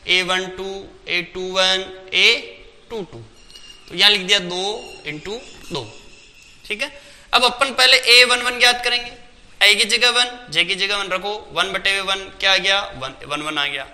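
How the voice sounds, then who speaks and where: A man's voice: high voice, fairly even intonation, measured pace, sharp tone, in a large hall. A man teaching a maths lesson step by step, asking questions and answering them himself.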